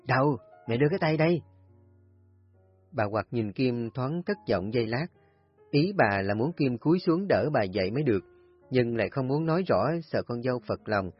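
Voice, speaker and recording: A man narrating a scripted audio story in a steady, even storytelling manner. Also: mid-range voice. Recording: dull lo-fi audio with faint music.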